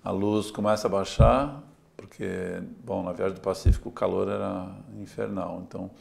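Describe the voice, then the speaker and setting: A deep, gravelly, darkish voice holds a steady tone at a moderate pace. The speaker, a sailor and adventurer from Santos, Brazil, is in a relaxed interview, reflecting and storytelling with little laughs and the occasional "né?".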